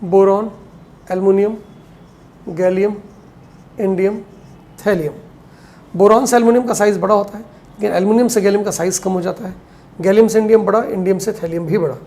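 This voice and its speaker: A woman teaching chemistry in a classroom lecture. She explains step by step, asks questions and answers them herself, and slows down to dictate notes, mixing Hindi with English terms. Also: medium pitch, warm tone. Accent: Hindi-English mix.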